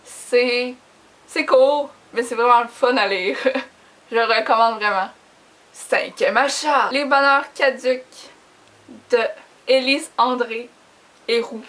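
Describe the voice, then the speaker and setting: A young adult book vlogger with a Quebec French accent takes her time, pausing often, in a fairly high, slightly bright voice. She chats casually to camera with giggles and self-deprecating humor.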